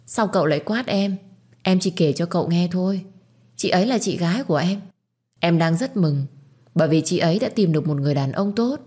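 A woman's voice: fairly low pitch, lively intonation, fairly quick, dark tone, breathy edge. A woman doing a sugary, scheming young girl. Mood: wheedling. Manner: sugary, wheedling.

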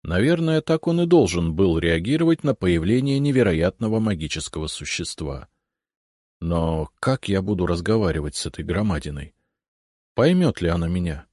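A man reading a first-person fantasy novel aloud, with a fairly low voice that moves expressively through wide pitch swings. The sound is dry and close, with no room echo. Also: darkish tone. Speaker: audiobook narrator.

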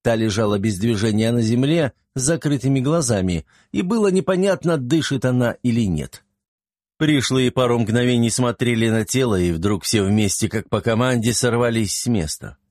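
A man narrating a fantasy audiobook in a brisk, vivid storytelling manner. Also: mid-range voice, a little mellow, dry recording, studio quality.

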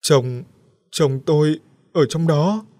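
A man voicing a terrified village wife, crying out in shrill, frantic cries. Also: slow pace, darkish tone. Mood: dazed. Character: terrified village wife, grieving for her husband.

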